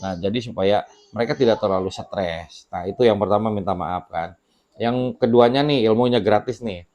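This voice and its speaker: Guy with a lowish voice chatting to camera from a little home studio, laid back, lots of ums. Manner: relaxed, conversational, with many fillers and pauses. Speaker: channel host sharing debt advice. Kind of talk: casual talk to camera. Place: small home studio with children heard nearby.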